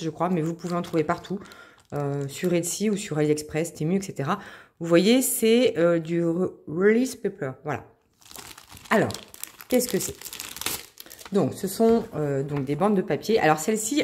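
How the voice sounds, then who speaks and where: A woman hosting a craft tutorial, explaining casually with many pauses and restarts. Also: lowish voice, a little mellow. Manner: chatty, many hesitations and restarts.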